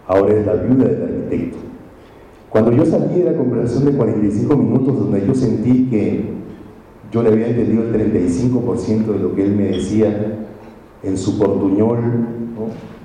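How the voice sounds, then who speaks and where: This journalist and speaker has a warm, lowish voice, keeps a moderate pace, and pauses often. At a conference he tells thoughtful stories to the audience, regularly finishing with a tag question like "right?", captured distantly in a reverberant hall.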